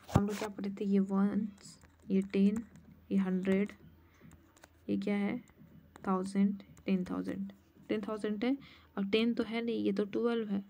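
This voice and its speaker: A woman's voice: medium pitch, mellow, slight background noise. A woman maths teacher explaining place values step by step at a board, now and then muttering asides. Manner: mutters asides under her breath. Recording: muffled lo-fi recording.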